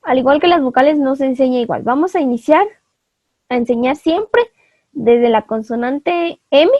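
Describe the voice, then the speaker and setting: A woman's voice: sits high, lively intonation, moderate pace, a little mellow, dry recording, lo-fi sound. A woman teacher giving an online class, explaining step by step, spelling out syllables and often asking her students for confirmation.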